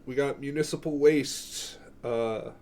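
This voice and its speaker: A music collector shows off his cassette collection in a rambling, offhand way, swearing freely and constantly cutting himself off. His voice is mellow and medium-pitched, with fairly even intonation and an unhurried pace.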